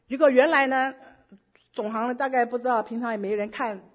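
A middle-aged woman giving a personal church testimony in lively storytelling style, slipping English words into her speech. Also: a little high, a little fast. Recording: dull lo-fi recording.

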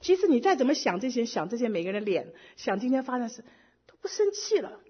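A middle-aged woman giving a personal church testimony in lively storytelling style, slipping English words into her speech. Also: a little high, fast talker, husky. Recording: dull lo-fi recording.

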